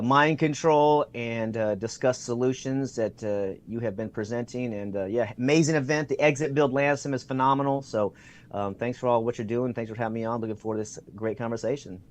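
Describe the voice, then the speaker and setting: A man with a medium-pitched, steady voice talks a little fast as a video-call guest. His conversational storytelling is eager and crowded with fillers, and he voices other people's quoted lines.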